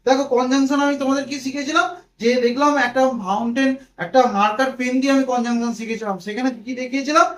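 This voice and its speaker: A Bengali-accented man gives a whiteboard grammar lesson in a strikingly high voice. He keeps asking questions, answers them himself and repeats key words. The sound is echoey, as if taken in a bare room. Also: steady tone, very fast, fairly bright tone. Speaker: English grammar teacher.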